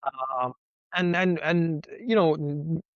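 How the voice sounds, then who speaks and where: A young Sri Lankan man whose first language is Sinhala, his voice on the high side and his pace slow, appears as a guest in a conversational interview. He sounds earnest and reflective, thinking aloud through rhetorical questions. The recording is dull, dry lo-fi with no room sound.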